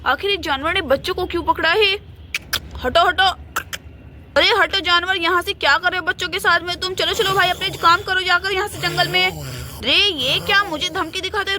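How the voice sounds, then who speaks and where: A woman voicing a kindly, brave uncle who talks in a brisk, protective, commanding way. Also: very high-pitched, pushed and bright. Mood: fierce. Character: brave kindly male uncle, rescuer of children.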